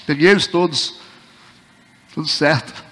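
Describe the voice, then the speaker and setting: Smooth fake-holy king, as a preacher acts him out, highish voice, big echo. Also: a little slow, fairly bright tone. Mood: falsely pious. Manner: glib pious phrasing. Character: evasive male king, falsely pious.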